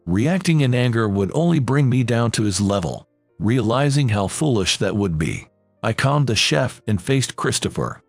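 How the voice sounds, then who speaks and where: A young man calmly narrating a first-person story in a measured manner. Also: mid-range voice, dry recording. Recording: dry voice-over with faint music.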